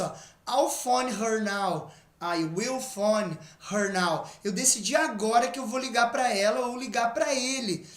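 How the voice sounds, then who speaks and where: Brazilian teacher in an echoey room. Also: male voice, very high voice, a bit bright. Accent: Brazilian Portuguese. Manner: explains patiently and reads English examples slowly. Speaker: English teacher. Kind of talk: online language lesson.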